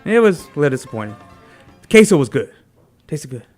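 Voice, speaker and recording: A man with a fairly high voice hosts a loose, casual chat. He rambles along, restarting his sentences as he goes. He grew up in Tennessee. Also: quick pace, soft background music. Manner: rambling, animated, lots of restarts. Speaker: podcast host.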